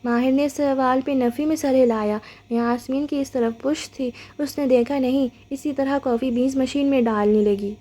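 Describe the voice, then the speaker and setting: A woman narrating a novel as an audiobook reader, in a steady, even storytelling manner. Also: high voice, hardly any pauses.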